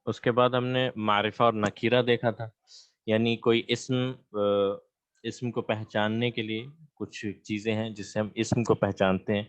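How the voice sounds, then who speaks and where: A man's voice: lowish voice, level tone, no room sound. A man teaching Arabic grammar in an online class, patiently repeating terms and checking in with his students. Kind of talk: online class lecture with screen share. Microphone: computer mic on a video call.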